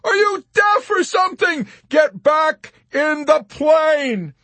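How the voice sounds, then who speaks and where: A man's voice: very high-pitched, lively intonation, slow pace, pushed and bright, no room sound, voice pushed up, heavily acted. A man voicing a hysterical, terrified airman in an audiobook, shrieking and beseeching in frantic frustration. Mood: screaming panic. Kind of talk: audiobook character acting.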